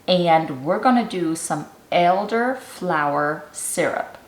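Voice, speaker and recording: A woman's voice: fairly low pitch, lively intonation, slow pace. Chatty woman from Germany, echoey room. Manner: chatty and instructive, explaining step by step. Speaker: cooking channel host. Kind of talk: casual how-to vlog narration.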